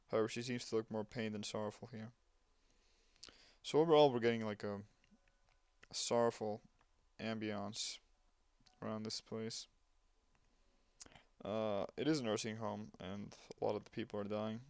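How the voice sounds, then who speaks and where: A man's voice: fairly low pitch, a little mellow, clean tone, no echo. A man doing let's play commentary, reading game dialogue aloud and breaking off with sarcastic asides. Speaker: gamer playing a game.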